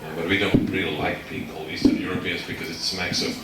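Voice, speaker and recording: A man delivers a university lecture in a deep, low voice. He builds his points step by step and keeps checking in with the room. The sound is distant and echoey, with steady background noise. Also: fast. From Slovakia. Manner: explains step by step and checks in with the audience. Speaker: guest lecturer.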